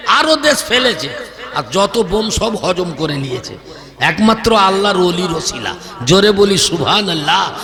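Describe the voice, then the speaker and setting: A man preaching a sermon into a microphone, in an emphatic, rhythmic style with repeated lists and calls to the audience. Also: high voice. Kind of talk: Islamic sermon (waz) to a crowd. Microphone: public address microphone. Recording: long hall reverb with audible crowd. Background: crowd of listeners.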